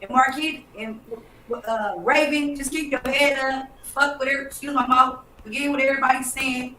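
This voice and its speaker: Woman caller from los angeles, high bright voice, roomy distant sound. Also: fairly even intonation, normal speed, a little hiss or hum. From Los Angeles, California. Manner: earnest, supportive.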